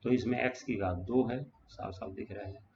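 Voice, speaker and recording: A man's voice: lowish voice, fairly even intonation, moderate pace, gravelly, a little mellow. A male math teacher explaining equations step by step in a casual classroom style, often checking in with his students. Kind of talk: whiteboard math lesson. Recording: dull lo-fi sound with faint background noise.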